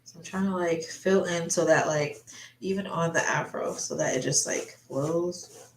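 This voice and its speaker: Lady w stuffy nose mouth breathing, lowish voice, rambly casual stream chat, echoey room. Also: steady tone, measured pace, slight background noise. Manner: rambling, thinking aloud. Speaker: artist livestreamer chatting while painting. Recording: roomy, echoey sound.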